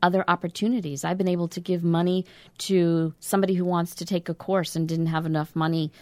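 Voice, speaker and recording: A woman with a New York accent talks as an interview guest in a loose, chatty way and laughs at herself. Her voice sits a little low. The recording is dry and close. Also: flat delivery, fast, darkish tone, no room sound. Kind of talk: casual interview chat.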